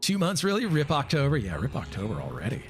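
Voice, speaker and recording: Man game streamer, loose off-the-cuff chat with chat replies, mid pitch, music behind. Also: huge pitch swings, quick pace. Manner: casual, thinks aloud and answers chat, many fillers. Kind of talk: live gameplay commentary.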